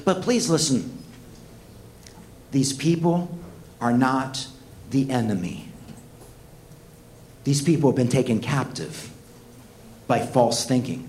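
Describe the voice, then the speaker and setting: A man's voice: medium pitch, a little mellow. A man preaching a sermon to students, earnest and emphatic, full of rhetorical questions.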